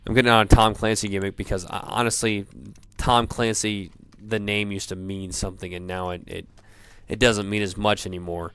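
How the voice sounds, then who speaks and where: A man in a profane off-the-cuff gamer rant, sounding drunk, rambling haltingly and repeating himself. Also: on the low side, little pitch movement, fairly bright tone, clear, resonant tone. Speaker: gamer ranting about video games.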